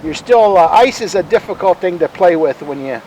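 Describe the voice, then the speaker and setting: Male tour guide, calm museum manner, high-pitched, plain-spoken and halting, faint outdoor noise. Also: low-quality recording. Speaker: bird sanctuary museum guide and bird bander. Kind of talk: informal guided tour, explaining.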